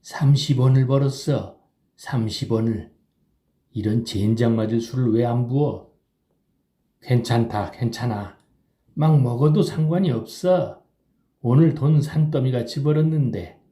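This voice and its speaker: A man voicing a drunk, boisterous middle-aged rickshaw puller who shouts and slurs in an audiobook reading. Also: mid-range voice, unhurried, echoey room, voice pushed up, natural voice. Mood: drunken bragging. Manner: loud, slurring drunken shouting.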